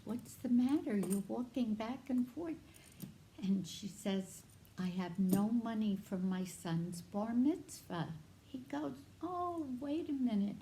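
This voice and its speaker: An older woman recounts her family's story slowly and warmly, her voice low, gravelly and mellow. She pauses often, and she gives the people she quotes voices of their own. A faint hum of background noise sits under her voice. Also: rough recording. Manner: unhurried, halting storytelling with fillers and acted-out quotes. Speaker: Holocaust survivor telling her life story. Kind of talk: personal storytelling.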